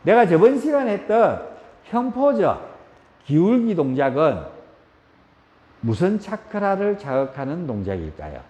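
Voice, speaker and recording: A man with a Gyeongsang Korean accent teaching a yoga class, asking questions and acting out shouts. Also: high-pitched, measured pace, pauses often. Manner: lively, asks the class questions, acts out shouts. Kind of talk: spoken yoga lecture. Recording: roomy hall echo.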